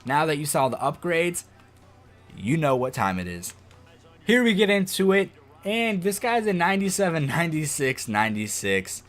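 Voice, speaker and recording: Excitable man doing football game commentary. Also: a little high. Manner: excitable, loud outbursts over game plays. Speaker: gaming video host.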